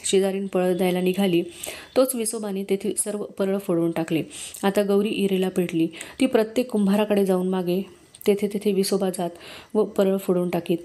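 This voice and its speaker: A woman reading a storybook aloud in steady, measured narration. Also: medium pitch. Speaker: book reader.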